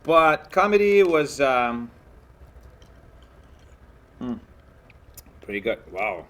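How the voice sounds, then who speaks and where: Russian-accented man, halting casual chat. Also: medium pitch, big pitch swings, a bit bright, a little hiss or hum. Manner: halting, many fillers and restarts, joking. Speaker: guest.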